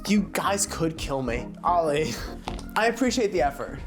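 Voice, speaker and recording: A man's voice: fairly high pitch, very animated, normal speed, music in the background, low-quality recording. A man in his twenties hosting a homemade game show among roommates, goofy and self-amused, often tripping over his words. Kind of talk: playful casual hosting.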